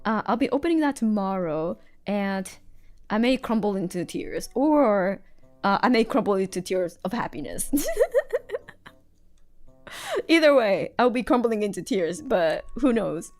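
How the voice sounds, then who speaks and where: Giggly woman with a lively voice. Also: mid-range voice, a little slow. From United States. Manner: giggly, chatty, trails off and restarts. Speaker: streamer. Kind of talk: casual livestream chat while drawing.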